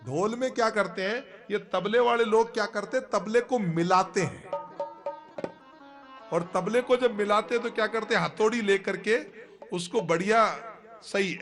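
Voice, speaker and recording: A man's voice: high-pitched, fairly bright tone. A man giving a devotional scripture discourse, explaining points to his listeners through rhetorical questions. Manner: chants rhythmic drum syllables aloud. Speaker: religious discourse preacher.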